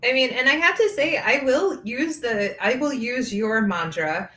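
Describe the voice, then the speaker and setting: A woman's voice: a little high, animated, unhurried, fairly bright tone. A woman hosting a casual podcast conversation, upbeat and rambling, laughing easily as she talks about running her grooming business. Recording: echoey room.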